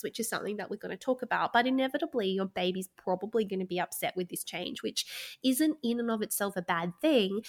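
A woman in her thirties co-hosting a podcast, chatting casually and giving advice to parents as a sleep consultant, with frequent "um"s and laughs. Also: mid-range voice.

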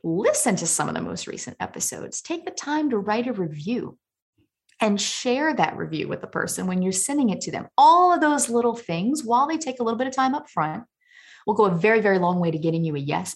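Woman, podcast guest, energetic coaching tone, mid-pitched voice. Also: brisk. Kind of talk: conversational interview.

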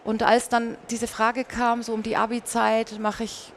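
A woman's voice: a little high, monotone, unhurried, a little hiss or hum. Reflective woman telling her story. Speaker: guest, painter and mezzo-soprano. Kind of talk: conversational interview storytelling.

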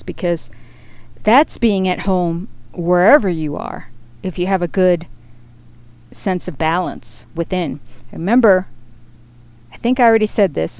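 A woman's voice: lowish voice, darkish tone, smooth. A woman giving a casual spoken astrology forecast, chatty and rambling, often laughing at herself. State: feeling hot and sweaty.

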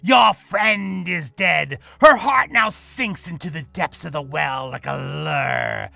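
Cassandra, a gloating ghoulish villainess. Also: male voice, a little high, vocal fry, pushed and bright, no room sound, full character voice. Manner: gloating, drawn-out taunting. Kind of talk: audio drama acting.

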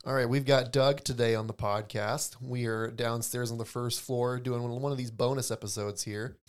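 A man's voice: mid-range voice, steady tone, normal speed, clean tone, dry recording, studio quality. A man hosting a podcast, reading a friendly scripted introduction and then giving short interview prompts. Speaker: podcast host.

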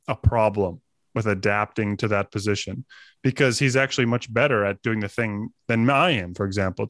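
A man co-hosts a podcast in casual chat, rambling and restarting sentences as he thinks out loud. His voice is mid-range with a fairly bright tone, and there's no echo.

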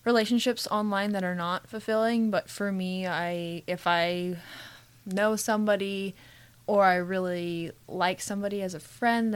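A chatty young woman co-hosting a casual podcast, recorded in a spare bedroom of a house. She talks in a relaxed, friendly way, laughs easily, and often restarts her sentences. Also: fairly low pitch, smooth. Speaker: podcast co-host.

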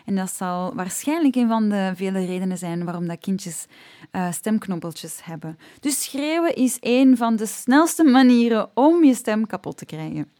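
A woman with a Flemish accent talks through voice-care tips in a relaxed, conversational way, pausing often on filler sounds. Her tone is warm and dark. She is recorded close and dry, with no room sound. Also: mid-range voice, dry recording. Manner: chatty, frequent "ehm" fillers, laughs at herself. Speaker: singing teacher. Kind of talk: casual spoken vocal health tips.

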